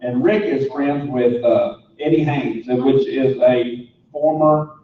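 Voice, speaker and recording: A man's voice: mid-range voice, fairly even intonation, slow pace, slight background noise. A man telling a folksy, rambling anecdote to an audience, repeating his phrases. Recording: echoey hall, distant mic, dull sound.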